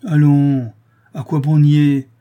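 A man reading aloud, voicing a calm, ironic man who corners a murderer with cool, relentless mockery. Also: medium pitch, moderate pace, breathy edge, highs cut off, lightly acted. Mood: coolly mocking.

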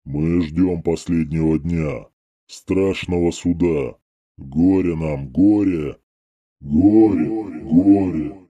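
A man voicing an ancient dead male monk in a storybook reading, slow and trembling, with a cavernous echo on the voice. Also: low-pitched, warm tone, dull audio. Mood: mournful. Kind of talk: storybook narration.

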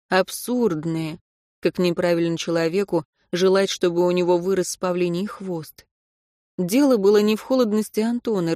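A woman's voice: lowish voice, darkish tone, dry recording. Woman narrating an audiobook, dry sound.

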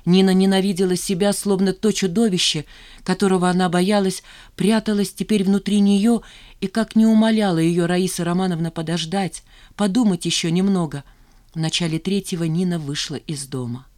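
A woman narrating a novel as an audiobook reader, measured and expressive. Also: on the low side, no room sound, clean studio sound.

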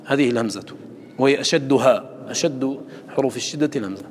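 A man teaching a recitation class, asking his students questions and sounding out letters slowly. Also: medium pitch, in a large hall, a little hiss or hum. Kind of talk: classroom lesson.

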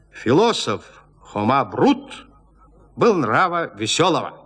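Reading classic literature aloud in a storyteller's style, a man pauses deliberately between phrases and speaks expressively. His voice runs on the high side, with a fairly bright tone.

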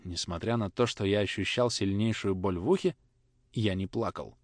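A man narrating an audiobook in a measured, expressive reading. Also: lowish voice, dry recording, clean studio sound. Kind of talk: scripted narration.

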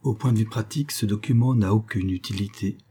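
A man narrating a classic detective story in the first person, measured and steady. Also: on the low side, slightly rough. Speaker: audiobook narrator.

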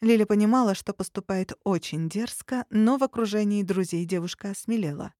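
In this clean studio recording with no echo, a woman reads an audiobook at a steady, measured pace in a mid-range voice.

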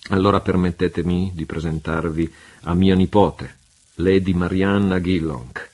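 A courteous older English lord in a classic adventure novel, read by a man. He speaks formally and politely. The voice is deep and a little husky. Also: fairly even intonation, measured pace, a little mellow.

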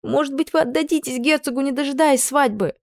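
A woman's voice: fairly high pitch, fairly quick, a little mellow, dry recording, clean studio sound, pitched above the performer's own voice, natural voice. A woman voicing a young, impudent lady-in-waiting who breaks into breathless, pleading outbursts.

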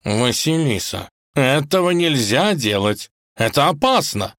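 A woman's voice: very deep voice, very animated, unhurried, no echo, studio quality, voice pushed up, full character voice. A man reading a fairy tale aloud and voicing a stubborn young princess with a raised, insistent voice. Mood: determined. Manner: insistent, stamps her foot.

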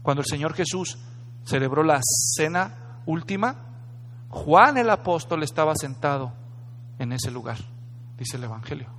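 A man preaches in a bright, high voice with a crisp edge. He talks dramatically and conversationally, asking questions of his listeners, and his voice carries with long reverb through a hall. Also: animated, measured pace, pauses often, a little hiss or hum. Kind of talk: sermon. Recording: echoey hall.

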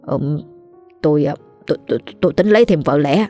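A nervous middle-aged village landlord who stumbles and stammers over every word, voiced by a woman reading a ghost story. The voice sits low and quiet, with faint music behind it. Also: breathy edge. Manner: stammering, halting.

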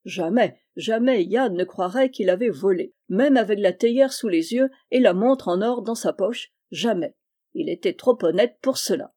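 Mellow-voiced woman reading a novel. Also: medium pitch. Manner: measured, steady storytelling. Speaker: audiobook reader. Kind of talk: scripted narration of a novel.

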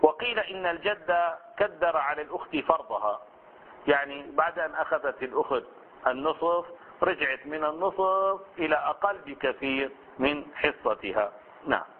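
A man gives a patient lesson, stretching example words and answering his own questions. His voice sits a little high for a man. It comes through a narrow, tinny band with faint hiss, like an old cassette of a study circle. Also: lively intonation, normal speed. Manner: slips into colloquial Levantine Arabic asides. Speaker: Islamic scholar teaching inheritance law.

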